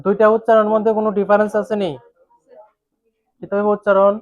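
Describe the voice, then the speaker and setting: A man's voice: high voice, monotone, fast talker, dry recording. A man, teaching a grammar class, repeatedly asking students questions and coaxing answers. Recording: dull dry classroom recording.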